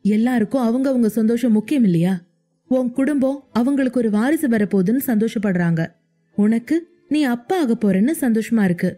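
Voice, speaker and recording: A woman voicing a tearful, desperate young female student who pleads and sobs in a high voice. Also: brisk, warm tone, faint music behind, natural voice. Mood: tearful pleading. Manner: sobbing, high-pitched pleading.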